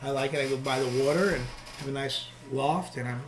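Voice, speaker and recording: A man's voice: medium pitch, brisk, over a noisy crowd. A middle-aged or older man with a New York Queens accent, chatting casually as a guest and often repeating words as he goes. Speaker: interview guest, nightlife veteran. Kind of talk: casual chat. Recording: roomy echo, clearly noisy ambience.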